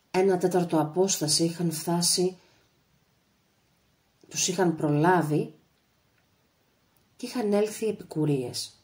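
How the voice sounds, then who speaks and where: A woman narrating a literary audiobook in a measured, dramatic reading. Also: deep voice, darkish tone.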